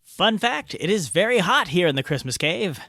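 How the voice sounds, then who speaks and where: A man's voice: high-pitched, very animated, moderate pace, bright, forceful tone, a little hiss or hum. A man hosting a podcast, recording playful, self-mocking outtakes in a hot home garage. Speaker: podcast host. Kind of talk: outtakes, joking self-talk.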